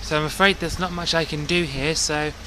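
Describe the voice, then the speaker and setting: This man's voice is on the high side, steady in tone, and brisk. He narrates a casual bus travel vlog from buses and town streets, chatty, warm, and reflective, with heavy vehicle and street noise in the background.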